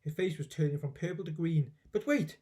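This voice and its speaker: A man reads a children's story aloud with expressive storybook narration, his voice a little high and his pace brisk.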